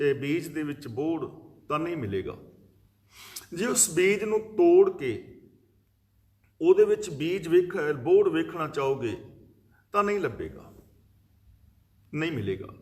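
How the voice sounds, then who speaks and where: A man's voice: on the high side, a little mellow. A man giving a religious discourse, explaining scripture verse by verse and reciting long lists of words. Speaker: preacher giving scripture commentary.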